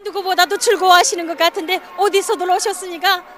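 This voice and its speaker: A woman's voice: very high voice, fairly even intonation, fast, a bit bright. A woman with a North Korean accent reporting and interviewing formally as a field reporter.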